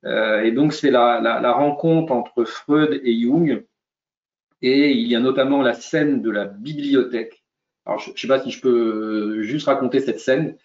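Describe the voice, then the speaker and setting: A man speaking as a coaching guest on a webinar, slow and calm, retelling a film scene. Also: mid-range voice. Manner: slow, thoughtful, soothing. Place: video call. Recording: roomy, lo-fi call audio.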